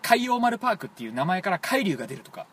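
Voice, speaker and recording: A man with a Toyama dialect tells a story in quick, animated bursts, his pitch jumping high and low. He restarts his sentences and rambles. A faint background hiss sits under the recording. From Toyama, Japan. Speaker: podcast co-host. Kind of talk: casual storytelling chat.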